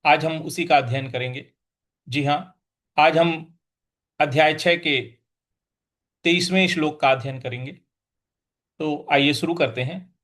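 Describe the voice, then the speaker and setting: Man, high pitch, slow delivery, patient scripture lesson, chanted verses. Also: fairly bright tone. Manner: patient, explains pronunciation syllable by syllable; chants verses in a drawn-out, sung tone. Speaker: scripture teacher.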